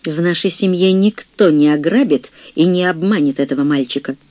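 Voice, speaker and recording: A woman's voice: lowish voice, moderate pace, no room sound, lo-fi sound, natural voice. A man voicing a fierce old aristocratic woman who scolds harshly and bitterly, in a storybook reading. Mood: scornful. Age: older. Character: fierce old aristocratic aunt, scornful and angry.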